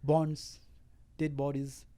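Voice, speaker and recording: On the high side and warm, this man's voice is completely flat and slow. A roughly forty-year-old Ugandan from a Rwandan refugee family, he speaks with an East African accent, emphatically telling his personal story in a podcast interview.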